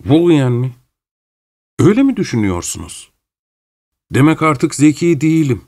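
A man reading an audiobook, voicing a fawning middle-aged widower who speaks in a shrill, affected, theatrical way. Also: sing-song, normal speed, a little mellow. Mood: sly. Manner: gushing, theatrical, overly familiar.

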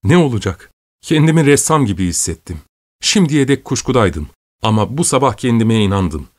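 A man's voice: mid-range voice, big pitch swings, normal speed, no echo. Brief: a fervent young painter, lifted and eager, read by a man in a dry close recording. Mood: impassioned. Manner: impassioned, breathless with joy. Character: passionate, excitable young male painter.

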